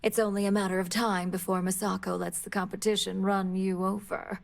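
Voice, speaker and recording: Actress as smooth, sinister, gravelly-edged corporate villainess. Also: female voice, medium pitch, flat delivery, a little fast, lightly acted. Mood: bitter, sardonic. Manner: sinister, refined, contemptuous. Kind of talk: video game character acting.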